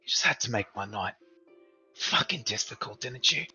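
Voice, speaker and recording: A man voicing a gruff, weary male city guard captain who grumbles with irritation. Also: deep voice, steady tone, measured pace, pushed and bright, soft background music, full character voice. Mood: annoyed.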